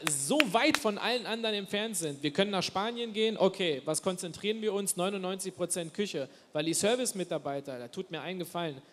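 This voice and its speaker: Spanish-born guy on a panel, kinda high voice, pushy emphatic talk, big echoey hall. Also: a bit bright, a little hiss or hum. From Spain. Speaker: panel guest. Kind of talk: panel discussion. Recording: long reverb hall with faint ambience.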